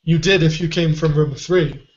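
A man co-hosting a casual puzzle podcast, halting with many fillers and restarts, his voice going a little hoarse. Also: a little high, fairly even intonation. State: losing his voice. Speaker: podcast co-host. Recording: dull lo-fi podcast audio.

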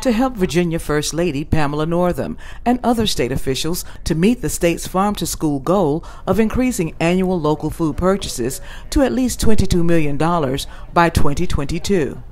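A woman news reporter reading a scripted voice-over in an even manner. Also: fairly low pitch, moderate pace, hardly any pauses. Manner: even, clearly read voice-over.

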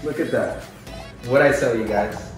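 A man's voice: mid-range voice, measured pace. A young man giving a casual, upbeat home tour vlog, chatting and laughing often. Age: young adult. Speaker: vlogger. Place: home rooms, indoors. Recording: roomy sound with background music.

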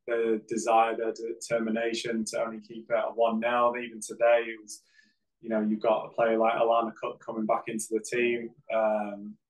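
Brief: male coach, 30s, low voice, very flat delivery, careful press-conference answers. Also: low-quality recording. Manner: measured, flat delivery with many fillers. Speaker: football head coach. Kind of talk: post-game press conference. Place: press backdrop, indoors.

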